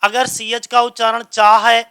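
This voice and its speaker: A high-pitched male teacher, explaining grammar rules to a class. His voice is bright and clear, and he keeps putting a question to the room and answering it himself. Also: flat delivery, a little slow. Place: coaching centre classroom.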